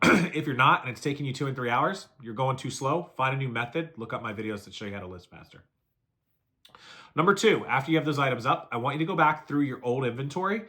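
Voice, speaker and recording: Brief: man in mid pitch, rapid-fire coaching delivery, casual how-to video host. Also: lively intonation, pushed and bright. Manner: brisk, coaching, lists steps and repeats them. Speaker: reseller giving selling tips. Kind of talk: fast casual how-to talk to camera.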